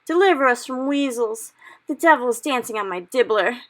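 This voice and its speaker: A woman's voice: lowish voice, expressive, moderate pace, creaky, exaggerated voice. A woman voicing a big, friendly male giant who mangles his grammar and cries out in anguish over a caught nightmare. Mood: distraught. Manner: ungrammatical made-up words, loud anguished exclamations.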